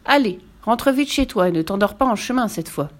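A woman's voice: on the high side, expressive, brisk, close to an everyday voice. A woman voicing a stern old male owl who scolds in a children's story. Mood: scolding. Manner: scolding, bossy. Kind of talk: storybook voice acting.

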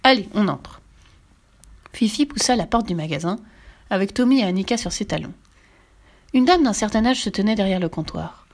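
A woman's voice: medium pitch, a little fast. Woman reading a storybook aloud. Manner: expressive, lively reading with sound effects. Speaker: narrator.

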